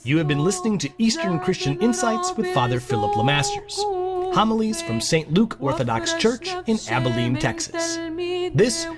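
A woman's voice: medium pitch, wildly swooping pitch, moderate pace. A woman reading a scripted radio announcement. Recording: loud music bed.

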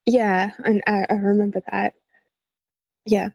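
A woman's voice: medium pitch, flat delivery, unhurried, vocal fry, a little mellow, breathy edge, no echo. A young woman who teaches math, explaining ideas in an upbeat, teacherly way during a casual chat.

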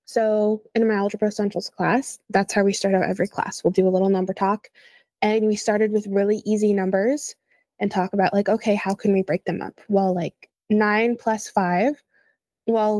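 A woman's voice: medium pitch, flat delivery, normal speed, warm tone, no room sound. A young woman who teaches math, explaining ideas in an upbeat, teacherly way during a casual chat.

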